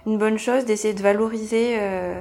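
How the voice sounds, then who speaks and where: A woman interviewing a guest in a relaxed chat, halting often with fillers and laughing lightly. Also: medium pitch. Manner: hesitant, many fillers, friendly laughs.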